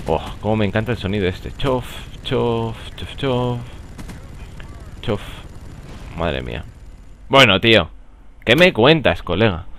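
A young man with a Spanish accent from Spain, rambling and joking through live gameplay commentary, with sudden excited outbursts. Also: fairly low pitch. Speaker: gaming commentator.

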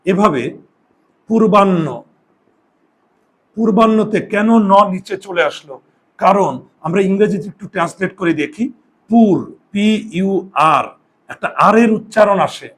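A man's voice: sits high, moderate pace, pauses often, a bit bright, breathy edge. A male Bengali grammar teacher giving a classroom spelling lesson, explaining step by step and answering his own questions, with students in the room.

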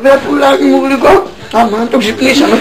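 A man's voice: extremely high pitch, heavy background noise. A man voicing a weary, scolding mother in a comedy sketch. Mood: exasperated. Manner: scolding, exasperated. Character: weary, fussing middle-aged mother. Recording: music playing behind.

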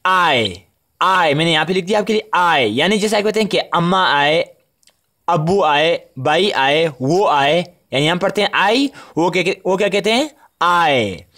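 A man with a Pakistani Urdu accent teaching English letter sounds in a casual spoken lesson, chatty and addressing viewers as friends, repeating each letter slowly and drawn out. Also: high-pitched, a bit bright.

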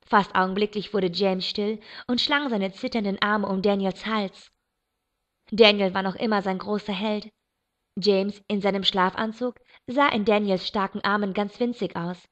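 A woman's voice: mid-range voice, normal speed. Woman narrating a novel, lo-fi. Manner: steady, expressive storytelling. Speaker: audiobook reader. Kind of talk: first-person novel narration. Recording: dull lo-fi recording.

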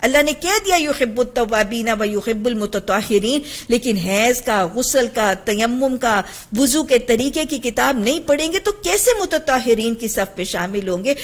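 Woman, Pakistani Urdu accent, somewhat high pitch; emphatic, earnest religious teacher reading and explaining hadith. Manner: earnest, emphatic, mixes English phrases into her teaching. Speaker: Islamic teacher giving a hadith lesson.

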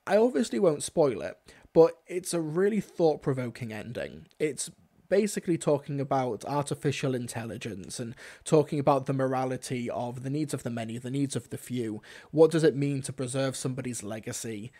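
A man's voice: mid-range voice, lively intonation, brisk, dark tone. A young man hosting a livestream, giving casual review commentary into a close desk microphone at home. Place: small indoor room at home. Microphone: desk microphone close in front.

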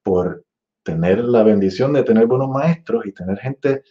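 A man in his fifties teaching a music master class, chatty and digressive. He breaks into scat-sung rhythm syllables to show phrasing, and his voice sits a little low. The recording is dull and muffled. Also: normal speed, mellow. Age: 50s. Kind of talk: demonstrating phrasing by singing rhythms.

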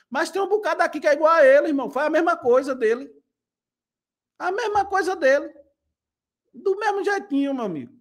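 A man with a strikingly high voice talking casually to his live-stream viewers. He circles back over the same points and keeps checking in with his audience. The delivery is loose and conversational. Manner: chatty, repetitive, ends lines with "né?" and "viu?". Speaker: pastor and channel host commenting.

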